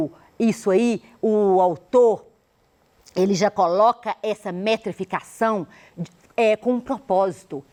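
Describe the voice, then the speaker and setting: A woman's voice: mid-range voice, a little mellow. A woman teacher with a Brazilian accent gives a televised school lesson, explaining step by step, counting aloud and asking the class rhetorical questions. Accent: Brazilian Portuguese. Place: studio.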